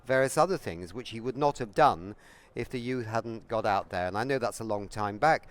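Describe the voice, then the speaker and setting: A man's voice: fairly low pitch, expressive, normal speed. A man hosting a talk show, speaking in an easygoing, reflective way. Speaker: show host. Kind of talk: casual talk show chat.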